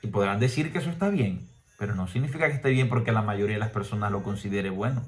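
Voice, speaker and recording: A male priest giving a homily, preaching with emphatic rhetorical questions and now and then mimicking people in a higher voice. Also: fast talker.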